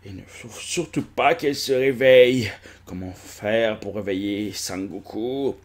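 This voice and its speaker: A man's voice: lowish voice, measured pace, pitched below the performer's own voice, lightly acted. Man doing a muttering sneaky young monk. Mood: scheming. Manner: muttering under his breath. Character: sneaky bald young monk, scheming and lustful.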